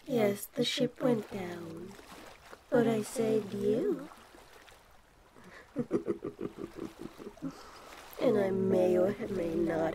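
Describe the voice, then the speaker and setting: In a coy ASMR roleplay, a woman voices a giant, possessive female kraken. Her medium-pitched delivery is drawn-out, intimate and sweetly menacing as she coaxes the listener.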